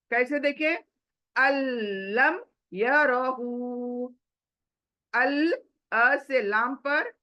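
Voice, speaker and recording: In a slow, step-by-step recitation lesson, a woman teaches tajweed, patiently explaining the rules and sounding out examples slowly while slipping English words into her speech. Her voice is high-pitched, and the highs are cut off.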